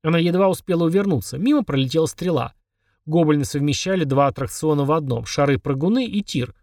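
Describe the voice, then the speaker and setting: A man reading a fantasy story aloud, lively, raising his pitch for the girl's lines. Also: fast, no echo, studio quality, far from the mic. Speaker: audiobook reader. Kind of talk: scripted narration.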